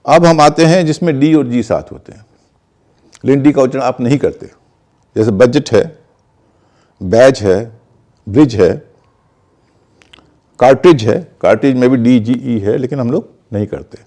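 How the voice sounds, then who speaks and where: A man's voice: mid-range voice, unhurried, long pauses, warm tone. A man teaching English pronunciation in Hindi, methodically spelling words out and repeating examples. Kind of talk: explanatory lesson in conversation.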